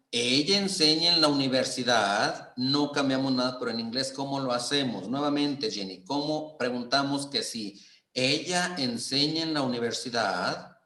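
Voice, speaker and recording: A man teaching English in Spanish with a Mexican accent, explaining slowly and patiently and repeating example sentences. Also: mid-range voice, bright, forceful tone, roomy sound. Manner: slow, patient, repeats phrases and stresses intonation. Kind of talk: online class explanation.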